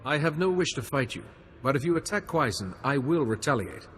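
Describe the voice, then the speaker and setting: An actor playing a calm, wise and dutiful Jedi in a video game, speaking formally and with measured care. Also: male voice, mid-range voice, natural voice. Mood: stern, composed. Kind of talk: video game cutscene dialogue.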